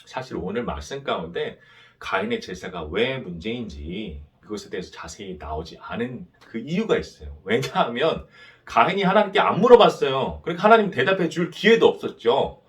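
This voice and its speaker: A man's voice: mid-range voice, big pitch swings, moderate pace, fairly bright tone. A male pastor preaching to a young adults' service, asking rhetorical questions and having the congregation repeat after him.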